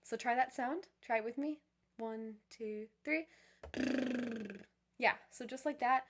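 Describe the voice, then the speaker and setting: A young woman who leads viewers through vocal warm-ups, encouraging and upbeat, with many fillers and restarts. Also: on the high side, slow, a little hiss or hum. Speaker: voice teacher. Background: piano.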